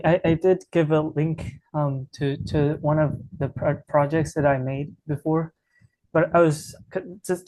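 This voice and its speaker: Casting: male participant, slightly high voice, halting stammered question. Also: a little mellow, low-quality recording. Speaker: hackathon participant asking a question. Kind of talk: casual question.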